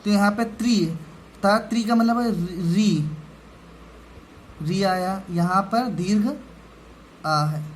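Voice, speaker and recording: A man's voice: high-pitched, measured pace, slight background noise. Patient male teacher explaining step by step. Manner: patient and step by step, checking in often with "okay". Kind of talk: explaining a grammar lesson to school students.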